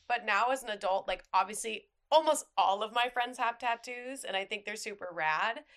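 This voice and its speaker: A young woman with a bright, clear voice, chatting casually as a podcast co-host. She fills her sentences with "like" as she works through a thought. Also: medium pitch, normal speed. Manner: talks with many "like" fillers. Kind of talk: casual chat.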